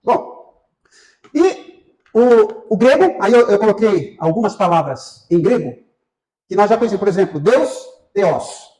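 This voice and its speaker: A man's voice: high-pitched, expressive, measured pace, long pauses, warm tone, roomy sound, poor audio. A man with a Brazilian Portuguese accent teaching a church Bible class in a conversational way, often checking in with his listeners. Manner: conversational, asks the class questions, many fillers.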